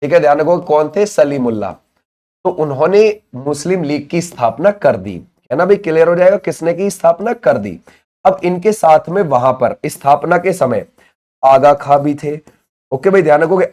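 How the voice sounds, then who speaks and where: A man's voice: on the high side, darkish tone. A man giving an exam-prep lecture who keeps asking questions and answering them himself, with frequent check-in phrases. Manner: drilling, asks and answers his own questions; repeats catchphrases to check understanding. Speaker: exam coaching teacher.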